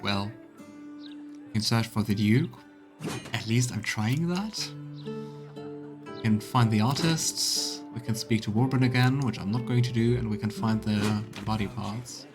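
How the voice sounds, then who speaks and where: A streamer plays a fantasy role-playing video game, musing and thinking aloud in casual let's play commentary. His lowish voice is a little slow and pauses often, with game music playing behind him.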